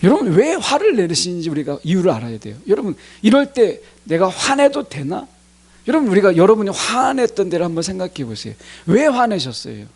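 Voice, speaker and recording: A man's voice: sits high, sing-song, brisk, creaky, darkish tone, slightly rough. A middle-aged man preaching a sermon as pastor, speaking straight to his congregation and acting out people's complaints to God.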